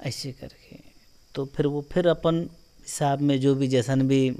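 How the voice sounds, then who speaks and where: A man with a Chhattisgarhi accent telling a local folk legend in a casual, animated way, often filling with "jo hai na". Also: medium pitch, measured pace, smooth. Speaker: storyteller guest.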